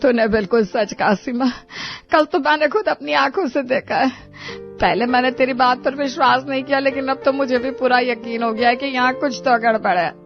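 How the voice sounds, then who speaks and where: A woman voicing a fretful, superstitious mother-in-law in an animated storybook, with a nervous, scolding manner. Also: high-pitched, normal speed. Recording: dull lo-fi audio with music.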